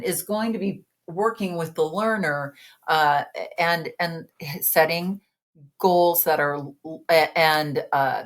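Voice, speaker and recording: A woman in her fifties, a weight-loss coach speaking as a guest in a casual podcast conversation, chatty and earnest. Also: sits low. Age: 50s.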